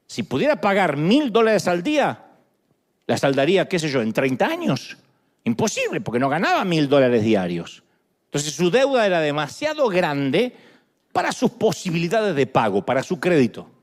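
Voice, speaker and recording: A man in his fifties with an Argentine accent, preaching a sermon in a lively, joking way. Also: fairly high pitch, normal speed. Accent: Argentine Spanish. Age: 50s. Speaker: pastor.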